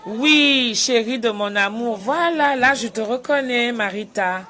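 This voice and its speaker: A middle-aged woman from Cameroon hosting a casual live stream, chatting warmly with viewers and greeting them by name. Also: on the high side, measured pace. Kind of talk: casual live chat reading viewer comments.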